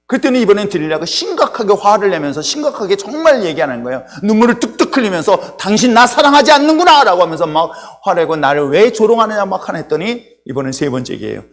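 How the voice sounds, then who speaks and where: Animated male pastor preaching in a reverberant church. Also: high-pitched. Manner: lively storytelling with humorous asides to the congregation. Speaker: senior pastor. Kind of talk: sermon. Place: church sanctuary. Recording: long reverb in a church hall, faint hum.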